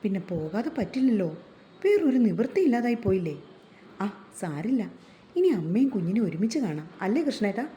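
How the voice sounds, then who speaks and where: A woman's voice: medium pitch, very animated, normal speed, dark tone, slight background noise, lightly acted. A woman voicing a fretful middle-aged mother who exclaims and worries in a read-aloud story.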